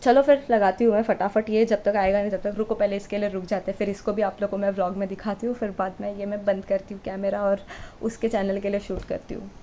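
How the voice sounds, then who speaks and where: A woman's voice: mid-range voice, level tone, quick pace, warm tone, highs cut off, slight background noise. A young woman chatting casually to camera at home as a vlogger, setting up her gear as she talks. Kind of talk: casual vlog chat. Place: at home indoors.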